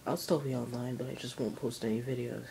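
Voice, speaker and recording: A video channel host making a casual announcement to viewers, halting and muffled by cloth over the face. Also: mid-range voice, little pitch movement, darkish tone. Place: indoors in a room, seated in an armchair. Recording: clear background room noise.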